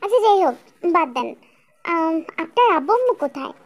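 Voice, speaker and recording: A woman's voice: very high-pitched, sing-song, fairly quick, heavily acted. Woman doing a polite young bride. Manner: polite, formal speech. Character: polite young bride meeting her in-laws.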